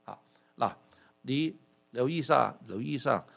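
A man's voice: mid-range voice, moderate pace, vocal fry, a bit bright. A man preaching a sermon that explains a Bible passage. He asks many rhetorical questions, draws out "ah" fillers and mixes in English words.

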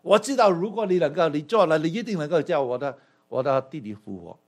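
A man's voice: fairly high pitch, lively intonation, a little fast, a little mellow. Man voicing a grieving woman, pleading, reproachful.

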